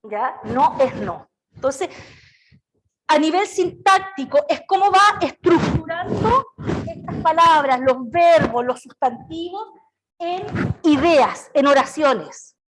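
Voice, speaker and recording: Chatty Chilean teacher, high voice. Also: female voice, slow. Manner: lively, chatty, asks "¿ya?" and "¿cierto?" often. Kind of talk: online class lecture. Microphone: video call.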